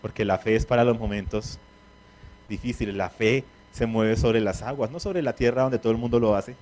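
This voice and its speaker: A man's voice: on the low side, normal speed, a little mellow. A man preaching a sermon, who asks the congregation questions and acts out the words of biblical figures.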